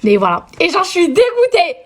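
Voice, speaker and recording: A woman's voice: extremely high pitch, huge pitch swings, a little fast. A young woman telling a childhood story in a chatty, dramatic way, full of slang and English phrases. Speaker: storyteller vlogger. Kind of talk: casual story time.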